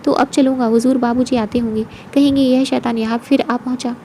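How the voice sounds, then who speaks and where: A woman voicing a flattering, talkative male servant who bows and scrapes to his mistress. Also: fairly high pitch, fairly quick, slight background noise, natural voice. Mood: fawning. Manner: obsequious, keeps addressing his mistress as huzoor.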